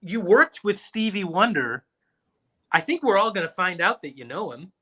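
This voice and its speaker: A man's voice: high voice, moderate pace. A man co-hosting a podcast, telling stories in casual chat and mimicking the people he talks about. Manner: animated storytelling, quoting people in mock voices. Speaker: podcast co-host.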